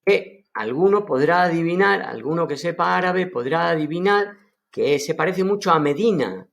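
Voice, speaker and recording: A man from Seville with an Andalusian accent, teaching an online language lesson and enthusiastically explaining words, repeating them slowly. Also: on the high side, animated, gravelly, a bit bright. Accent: Andalusian Spanish. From Seville, Spain. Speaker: Aramaic teacher.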